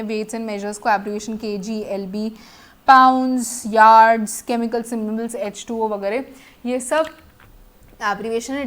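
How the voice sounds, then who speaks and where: A woman teacher delivers an exam-prep lecture, explaining in Hindi while using English terms, and slows down to repeat rules and examples. Her voice is fairly high-pitched.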